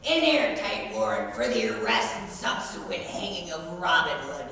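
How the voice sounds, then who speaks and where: A woman's voice: deep voice, wildly swooping pitch, moderate pace, a bit bright, exaggerated voice. A teenage girl playing a pompous, indignant villainous sheriff in a school stage play, declaiming. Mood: gloating, furious. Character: blustering, self-important Sheriff of Nottingham, indignant villain. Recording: distant, echoey stage recording with noise.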